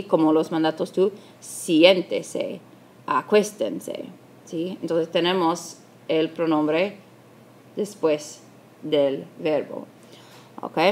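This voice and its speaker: Woman teacher, lowish voice, unhurried screencast narration, patient, counts things out. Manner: patient, explains step by step; corrects her own slips aloud. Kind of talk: recorded video lesson.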